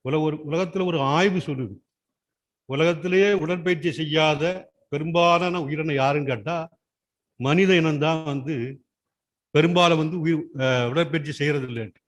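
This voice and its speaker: A man with a fairly high voice addresses a school gathering on yoga day. He talks in a steady explanatory way, often asking a question and then answering it himself. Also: moderate pace. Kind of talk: explanatory public speech. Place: school function.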